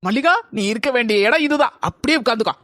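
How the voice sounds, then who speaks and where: A woman's voice: fairly high pitch, expressive, background noise, natural voice. A woman voicing a cheeky young village woman neighbour in a cartoon, teasing in Kanyakumari Tamil. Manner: teasing, quick-witted.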